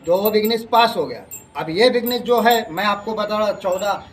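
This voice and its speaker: A man's voice: sits high, normal speed. A man delivers an emphatic, repetitive political monologue to camera as a vlogger. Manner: emphatic, ranting, repeats himself. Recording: distant mic, faint background noise.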